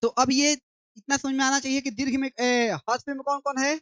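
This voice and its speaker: A woman's voice: high voice, flat delivery, a little fast, a bit bright, dry recording, highs cut off. A woman teaching an online grammar class, asking questions and answering them herself, stretching out the vowel sounds as she chants them.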